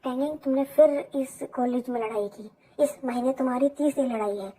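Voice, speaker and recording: Woman storyteller voicing all parts; husky and warm. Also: high voice, moderate pace, poor audio. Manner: plays every part herself. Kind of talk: fan fiction audio story.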